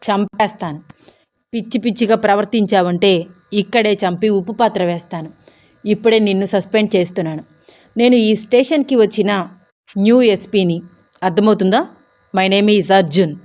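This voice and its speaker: Woman doing a calm firm young cop guy, serious and fearless, audio story. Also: medium pitch, moderate pace, pauses often, close to an everyday voice. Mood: stern. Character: bold young male police officer, calm and firm.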